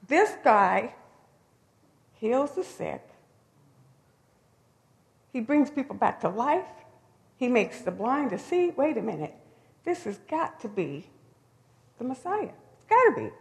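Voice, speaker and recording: A woman voicing a blind male beggar, eager and pleading, in excited outbursts. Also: sits high, measured pace, gravelly. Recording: long hall reverb.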